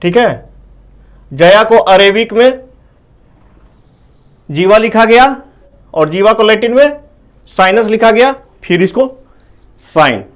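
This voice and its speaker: Slow, high-voiced man teaching math. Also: lively intonation. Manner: explains slowly, asks the class questions; keeps saying "okay" between points. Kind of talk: whiteboard math lesson.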